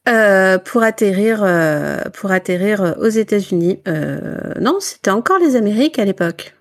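A woman's voice: medium pitch, lively intonation, moderate pace. A woman from northern France chatting at a book club, presenting a novel with many fillers and self-mocking asides. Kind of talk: casual book club chat.

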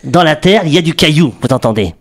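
Male radio columnist, fairly high, very lively pitch, playful, laughs at his own jokes. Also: quick pace, over music. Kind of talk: comic radio segment. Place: radio studio.

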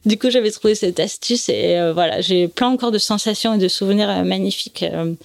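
A woman in her forties from France talks through her plans and memories in an easy, conversational interview manner. The recording is close and dry, with no room sound, and her pitch sits in an ordinary middle range. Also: fairly quick, gravelly, dry recording. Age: 40s. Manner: explains at length in a relaxed, conversational way. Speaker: guest, offshore sailor.

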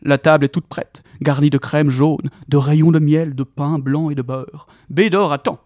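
A man playing a loud jolly old forest man, booming, hearty, dry close voice. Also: moderate pace, dry recording, natural voice. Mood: jovial booming. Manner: booming, hearty, sing-song.

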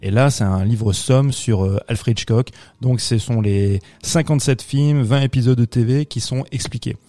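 A man on a casual podcast, recommending a book in a measured, slightly hesitant way. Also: mid-range voice, mellow, dry recording. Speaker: podcast co-host.

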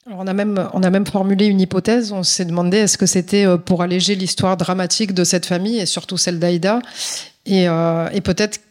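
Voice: medium pitch, flat delivery, a little fast. A reader from a reading group putting questions to an author, searching for words at times.

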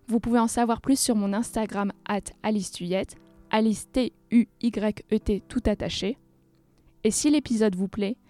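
A woman hosting a food podcast, reading her intro and asking interview questions in a measured, clearly articulated way. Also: mid-range voice, dark tone, no echo. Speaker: podcast host.

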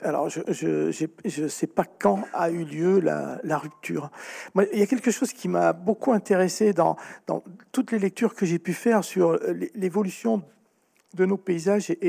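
High gravelly man, animated guest. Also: moderate pace. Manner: animated storyteller with frequent restarts. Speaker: guest author. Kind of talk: explanatory interview talk.

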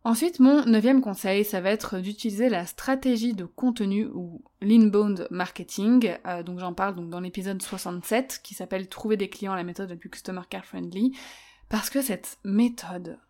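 A woman's voice: medium pitch, normal speed, mellow. Chatty French-speaking woman podcaster. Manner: chatty, many fillers and restarts. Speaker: podcast host. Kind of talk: solo podcast advice talk.

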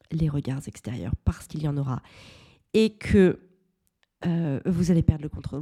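A woman in her thirties hosts a parenting podcast and tells a personal story in a low, mellow voice. Her delivery is candid and reflective, and she often restarts her sentences. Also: slightly rough.

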